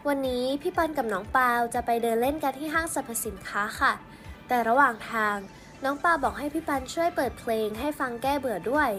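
A woman with a high voice explains English usage in a scripted lesson. She speaks patiently and politely. Faint music sits underneath her. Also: lively intonation, brisk, a bit bright. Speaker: English teacher presenter.

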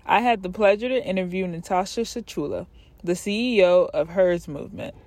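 A woman's voice: on the low side, fairly quick, a little mellow, no echo. A woman hosting a podcast, introducing her guest and affirming her answers. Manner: encouraging, affirming. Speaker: podcast host. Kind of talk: podcast interview.

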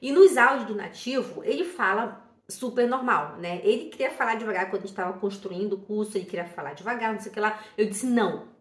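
A Brazilian woman teaching German, talking casually and telling stories with lively quoted asides and frequent "né?" tags. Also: mid-range voice, quick pace. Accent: Brazilian Portuguese. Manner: lively storytelling, quotes herself and others, many "né?" tags. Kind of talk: casual spoken lesson to camera. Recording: echoey room.

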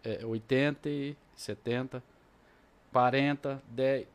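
A man's voice: medium pitch, steady tone, slow. A middle-aged father, a guest on a casual podcast, telling stories and acting out the dialogue. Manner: storytelling, acts out quoted dialogue.

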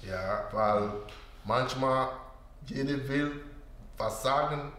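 A man who is not a native German speaker, slowly telling a personal story in broken German as an interview guest, full of pauses and quoted dialogue. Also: medium pitch, fairly bright tone. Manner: slow, hesitant, with many fillers and quoted dialogue. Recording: very echoey room with faint background noise.

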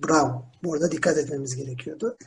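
A teacher giving a slow Spanish lesson in a classroom, spelling words out letter by letter with town names and repeating verb forms. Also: medium pitch, creaky, slight background noise. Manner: drills verb forms slowly and repeats them. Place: classroom with students.

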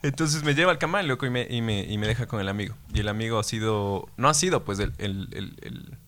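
An Ecuadorian man with a fairly low voice trades slangy, easygoing banter on a podcast. He laughs along with his co-host and recalls his own youth in a relaxed way. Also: brisk. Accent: Ecuadorian Spanish. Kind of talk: casual comedic chat.

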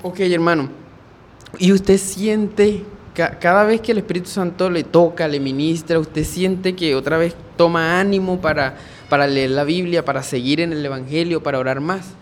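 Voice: medium pitch, steady tone, normal speed, a little hiss or hum. An interviewer at a church who asks leading questions and sums up the answers in religious phrases.

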